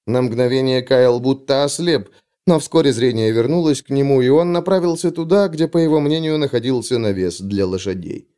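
A man reading an adventure story aloud as narrator, in steady, dramatic storytelling. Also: mid-range voice, moderate pace, clear, resonant tone. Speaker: audiobook narrator. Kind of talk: scripted narration.

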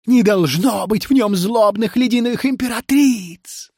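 A storyteller voicing a boastful three-headed male dragon, indignant and quick to take offence. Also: medium pitch, darkish tone, breathy edge, no room sound, clean studio sound, voice pushed up. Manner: indignant, huffy.

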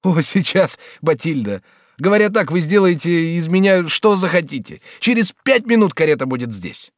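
A man voicing a devoted, anxious young man in an audiobook, pleading and excited. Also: a little high, moderate pace, dry recording, clean studio sound, pitched above the performer's own voice, close to an everyday voice.

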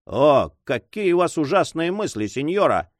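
A man's voice: fairly high pitch, very animated, normal speed, no echo, clean studio sound. A man voicing a respectful loyal messenger. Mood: earnest.

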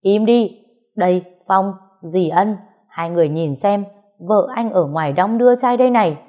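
A woman voicing a spiteful young female rival who whines and accuses in a shrill, raised voice. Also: moderate pace, warm tone, lightly acted. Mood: shrill accusing.

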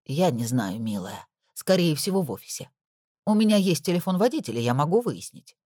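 A woman voicing an older, caring, gossipy woman in an audiobook, confiding in a low voice. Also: big pitch swings, fairly quick, mellow, no room sound, studio quality. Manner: confiding, chatty.

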